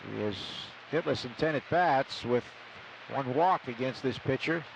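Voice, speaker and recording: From an outdoor ballpark's broadcast booth, a man with a creaky, mid-range voice calls baseball at a measured pace for live radio. His phrases are clipped and rise on big plays, all heard over loud ballpark ambience in a noisy stadium broadcast.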